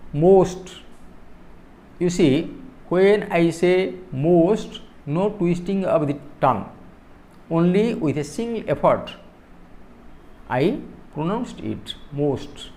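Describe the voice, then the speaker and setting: A man with an Odia accent gives a poetry lesson in a slightly raised voice, slow and deliberate, with his key words said twice. He lectures like a patient classroom teacher. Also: a little high. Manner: switches between English and Odia.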